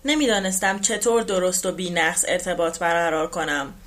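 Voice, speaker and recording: A woman reading the part of an older man who calmly and reflectively recounts his past in a novel. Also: lowish voice, pitched below the performer's own voice, natural voice.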